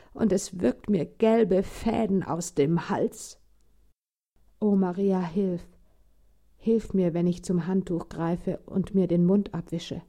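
Eine Frau, die einen literarischen Text ruhig und ernst vorliest. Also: female voice, fairly low pitch, warm tone. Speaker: reader. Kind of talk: literary audiobook reading.

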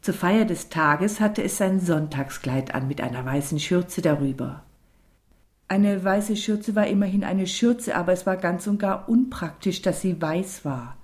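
A woman reading a novel aloud as a calm, even audiobook narrator. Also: on the low side, measured pace. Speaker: audiobook reader. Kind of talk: scripted narration.

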